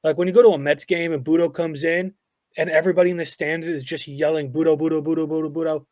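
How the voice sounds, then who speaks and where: A man's voice: on the high side, steady tone, quick pace, darkish tone, no echo, studio quality. A man co-hosting a podcast, leading the talk on to new topics with casual questions. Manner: asks questions to steer the talk. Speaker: podcast co-host. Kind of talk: casual sports chat.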